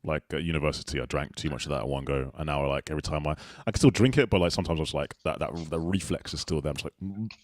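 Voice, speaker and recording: Fast-talking low-voiced man hosting. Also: dry recording, studio quality. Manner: quick, jokey, teasing questions. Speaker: host. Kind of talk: casual chat.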